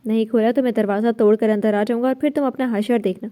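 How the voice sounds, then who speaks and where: A woman's voice: fairly high pitch, steady tone, dark tone, natural voice. A woman voicing an angry, domineering young husband who threatens and bites off his words, in a storybook reading.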